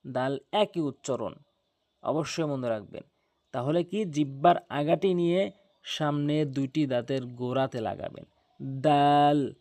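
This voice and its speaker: A man's voice: a little high, gravelly, darkish tone. A man teaching Arabic letter pronunciation for Quran recitation, drawing out each letter sound and repeating every step patiently. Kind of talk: slow instructional pronunciation lesson.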